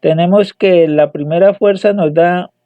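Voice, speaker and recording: Young guy reading numbers slow, high voice, keeps stumbling, tinny dry audio. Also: fairly even intonation, no room sound. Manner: hesitant, halting, repeats words and restarts. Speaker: student presenting homework. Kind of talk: reading out calculation results.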